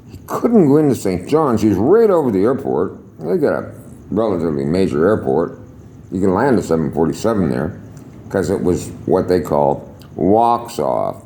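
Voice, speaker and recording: Salty older man telling a story. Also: on the low side. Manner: salty, swears freely, chuckles, lively storyteller. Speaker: retired air traffic controller. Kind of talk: casual storytelling to camera.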